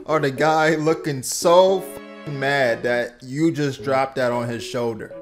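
A man hosting a reaction video, joking casually with crude words and bursting into loud laughter. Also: medium pitch, fairly even intonation, slow pace, music in the background.

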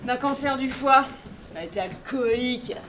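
A woman's voice: high-pitched, crowd noise, lightly acted. A woman playing a blunt, brash traveller. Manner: blunt, crude, quick-tempered. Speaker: amateur stage actor. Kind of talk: amateur stage play. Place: theatre stage.

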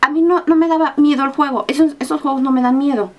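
A young Mexican woman vlogger tells a story in a casual, animated way, acting out her own screams and the other people's lines. She speaks fast in a high-pitched voice, with lo-fi sound.

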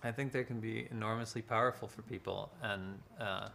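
A man speaking as a guest author, talking slowly and deliberately in a live social-media conversation. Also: fairly low pitch, steady tone, gravelly, bright, forceful tone, a little hiss or hum. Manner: slow, deliberate and measured.

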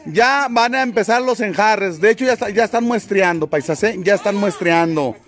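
A man's voice: sits high, normal speed, fairly bright tone. A man hosting a casual livestream, jovially greeting viewers by name and teasing the locals. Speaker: vlogger and livestream host.

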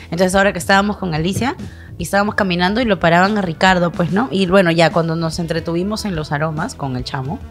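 A woman's voice: on the low side, fast, faint music behind. A woman co-hosting a casual comedy podcast, firing off teasing comebacks and laughing a lot. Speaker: podcast co-host.

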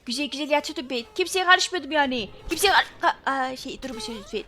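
A woman's voice: sits high, a little fast, pushed and bright, a little hiss or hum. A woman commentating her own gameplay as a channel host, exclaiming, laughing and repeating her phrases.

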